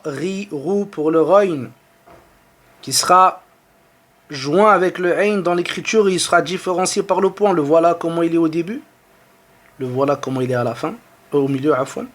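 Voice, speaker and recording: A man with a high, light voice and a French accent teaches the Arabic alphabet. He talks patiently, sounds out each letter and vowel slowly, and circles back to repeat them. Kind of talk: online lesson.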